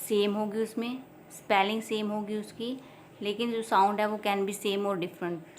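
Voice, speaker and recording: Speaking at a mid-range pitch, an Indian-accented woman teaches exam prep, going over each point twice and reading English definitions out slowly. There's a little hiss or hum in the recording.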